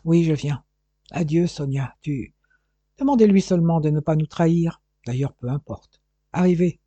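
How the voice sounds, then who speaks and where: A man voicing a gruff older merchant father who growls orders at his daughter, on a dull, dry recording. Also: fairly high pitch, normal speed, mellow, no echo, natural voice. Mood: hurried. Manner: gruff, growling, pleading at times.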